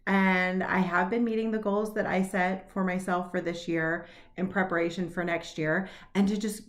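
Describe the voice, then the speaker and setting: A woman's voice: lowish voice, steady tone, normal speed. Chatty woman in her late 40s, upbeat, talking to her stitching viewers, laughs at herself a lot. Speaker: cross stitch vlogger. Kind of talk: casual chat to camera.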